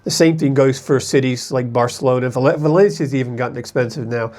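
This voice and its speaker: A US-born expat vlogger addresses the camera in a relaxed, rambling way, frequently correcting himself. His voice sits in the middle range, a little mellow, and moves along fairly fast.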